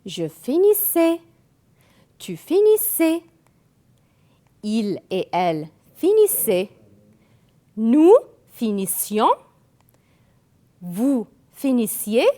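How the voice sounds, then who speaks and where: Woman teacher, arabic native, goes slow over verb endings, lots of up and down in her voice. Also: a little high, big pitch swings, warm tone. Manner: slow, spelling out endings and repeating forms. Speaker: French teacher. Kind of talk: classroom grammar lesson.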